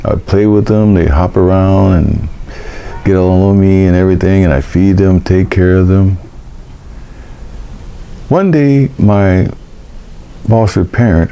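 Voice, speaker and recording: An older man hosting a vlog, telling a personal story in a halting, emotional way with many restarts. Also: sits low, creaky, dark tone. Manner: halting, repeats words and restarts; emotional recollection. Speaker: vlog host.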